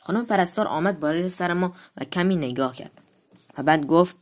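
Low-pitched woman storyteller, playful comic read, characters' lines lifted. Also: a little mellow. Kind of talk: reading a humorous children's story aloud.

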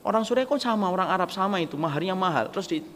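A man's voice: high voice, very fast. A man preaching a humorous sermon, acting out little dialogues as he jokes with the crowd. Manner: lively, joking, acts out quoted dialogue. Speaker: Islamic preacher. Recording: gravelly voice with long hall reverb, faint background noise.

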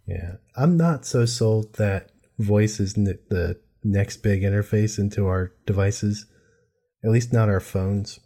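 A man with a fairly low, soft-edged and mellow voice hosts a tech podcast. He keeps the discussion casual and conversational. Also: takes it slowly. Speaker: podcast host.

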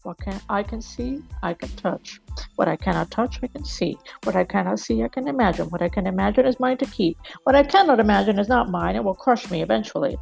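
A woman's voice: medium pitch, animated, fairly quick, creaky, a little mellow, slightly rough, soft background music, heavily acted, poor audio. A woman playing a bitter, wounded, club-footed man in a stage reading, pouring out a feverish, ranting monologue full of violent images. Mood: raving.

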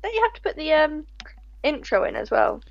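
Young female co-host, fairly high, silly self-deprecating chat, dry but lo-fi recording. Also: sing-song, fairly quick, vocal fry, no room sound. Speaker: podcast co-host. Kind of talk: casual chat.

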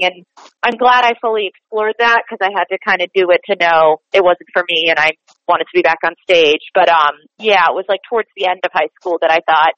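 Medium-pitched and fairly bright, this young woman from Boston is a stage performer chatting as a guest in a laid-back interview. Expect easy laughs and plenty of fillers, captured in dry, slightly dull podcast sound.

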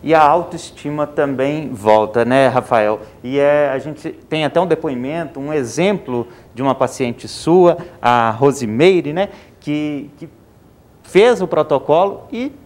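A man hosting a local TV news interview, prompting his guest in a conversational way and often tagging questions with a quick check for agreement. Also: a little high, expressive, a little mellow. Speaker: TV news host.

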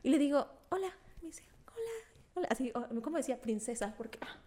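Woman in her 20s, chatty and dramatic, acts out what people said, higher voice. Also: fast. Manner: animated storyteller, acts out quotes, laughs often. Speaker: podcast host. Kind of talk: casual chat.

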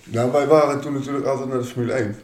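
A man's voice: mid-range voice, steady tone, very fast, a little mellow. Een man die als co-host van een podcast grof en lachend een anekdote vertelt, met veel stopwoordjes. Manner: crude, laughing storyteller with fillers. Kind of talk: casual chat. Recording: roomy with faint noise.

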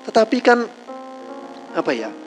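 A man delivers a relaxed, conversational sermon in a church hall, turning to his listeners at the end of almost every phrase. His voice sits on the higher side, and clear music plays underneath him throughout. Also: a little slow. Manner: tags nearly every phrase with a call to his listeners, folksy and joking. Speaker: preacher.

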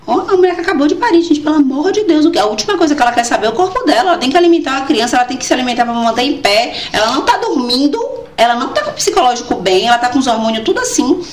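A woman guest in a casual conversation, telling a personal story in an animated, expressive way and acting out the voices she quotes. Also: high-pitched, rapid-fire, few pauses. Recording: roomy echo.

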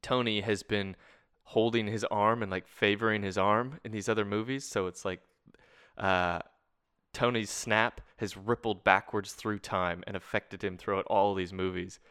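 Bright-voiced Canadian man hosting a podcast. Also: lowish voice, fairly even intonation, clear, resonant tone. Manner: enthusiastic, quick to laugh. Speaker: podcast host. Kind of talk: casual podcast chat.

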